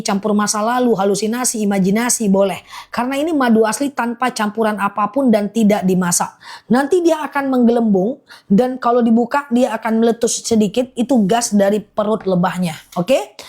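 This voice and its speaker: A woman selling honey in a live stream, chatting in a reassuring, repetitive way and slowing down to list items one by one. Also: fairly high pitch, a little mellow. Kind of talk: live-selling sales pitch.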